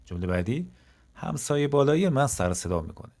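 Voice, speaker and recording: A Persian-speaking man teaching French, saying the example sentences slowly and clearly and chatting quickly between them. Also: mid-range voice, big pitch swings, darkish tone. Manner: slow, deliberate French model sentences, quick casual Persian asides. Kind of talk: language lesson, explaining in Persian.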